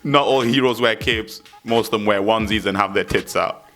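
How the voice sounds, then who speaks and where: A man's voice: on the low side, brisk, a bit bright, faint music behind. A man acting as interviewer, asking questions in a casual, jokey chat style.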